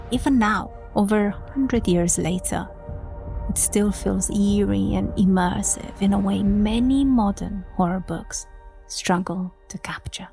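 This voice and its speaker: Woman from romania chatting about books, bit of vocal fry, soft faint music under her. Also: mid-range voice. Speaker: podcast host. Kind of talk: reflective book-talk podcast monologue.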